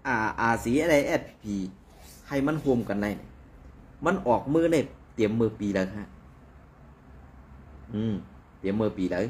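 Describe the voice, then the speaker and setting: Male news commentator, conversational and rambling, pitch swinging widely, mid-range voice.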